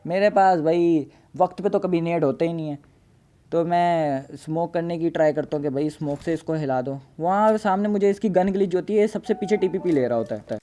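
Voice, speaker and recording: A man's voice: fairly high pitch, normal speed, warm tone. A man doing casual, joking voice-over commentary on his own gameplay as a gaming YouTuber. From Pakistan. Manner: casual, joking, playful storytelling.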